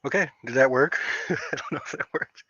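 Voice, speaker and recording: Male streamer, chatty and rambling, gets excitable; dry, muffled home-stream sound. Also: mid-range voice, a little fast, breathy edge, dry recording. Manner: rambling, excitable, heavy use of "like". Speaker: livestream host. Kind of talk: casual livestream chat. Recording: dull lo-fi dry stream audio.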